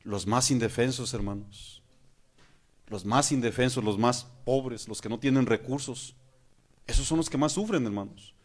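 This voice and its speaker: A man's voice: mid-range voice, normal speed. Man preaching a sermon. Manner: preaching with rhetorical questions, repeated "hermanos"; acts out praying voices mid-sermon. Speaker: pastor.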